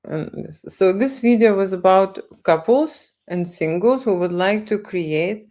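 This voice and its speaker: On a casual livestream, a woman who owns a photo studio addresses her viewers in a Lithuanian accent. Her voice sits at medium pitch, is a little mellow, and moves at a measured pace, with repeated words and lines tagged by "okay" and "right."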